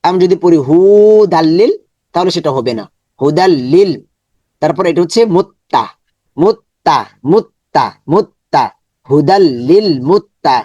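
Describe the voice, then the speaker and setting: A man teaching Quran reading step by step, slowly breaking words into syllables, repeating each many times, and chanting the full words in drawn-out recitation. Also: a little high, expressive, a little mellow, dry recording, lo-fi sound.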